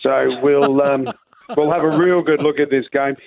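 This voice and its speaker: A man's voice: medium pitch, fairly even intonation, unhurried, vocal fry. An Australian man giving rugby league tips in casual, colloquial chat, laconic and dry-humoured, over a tinny line.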